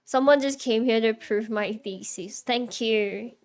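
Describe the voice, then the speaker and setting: A woman's voice: fairly high pitch, unhurried. A young woman streaming live, chatting casually with her viewers, reacting and laughing often while answering chat.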